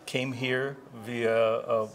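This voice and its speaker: A man in his sixties, born in Israel and raised in New Jersey, answering interview questions in an unhurried way with many pauses and restarts. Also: mid-range voice, little pitch movement. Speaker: interviewee, retired chiropractor.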